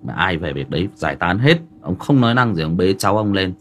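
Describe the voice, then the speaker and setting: Northern vietnamese man, livestream host, lowish voice, lively swings in pitch, rambling casual storytelling. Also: a little fast. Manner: animated, rambling, frequent filler words.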